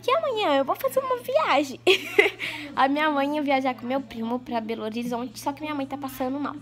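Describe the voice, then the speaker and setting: Her voice high and a bit bright, with lively intonation and a fairly quick pace, a young Brazilian woman does a casual vlog to her phone camera at arm's length in her home. She gushes, repeatedly addresses her viewers, and sounds stuffy from a cold.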